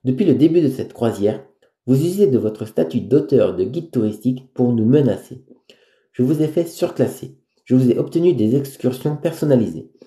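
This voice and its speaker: A man's voice: medium pitch, lively intonation, dark tone, lightly acted. A man voicing a stern, formal middle-aged cruise director who lays down the rules. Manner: formal, firm, measured. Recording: roomy echo.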